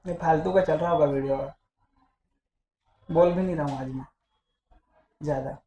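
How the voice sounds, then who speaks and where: A man's voice: a little high, normal speed, warm tone, a little hiss or hum. Man teaching a rowdy class. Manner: joking, teasing and scolding students. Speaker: physics teacher. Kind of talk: casual classroom lecture. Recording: echoey classroom.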